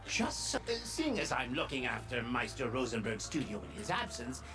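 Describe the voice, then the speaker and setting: A woman's voice: very deep voice, very animated, moderate pace, over music. A woman voicing an eccentric, wordy professor in a video game, courtly and coy, with florid, theatrical, hesitant phrasing. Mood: airy, pleased. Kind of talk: English video game voice acting.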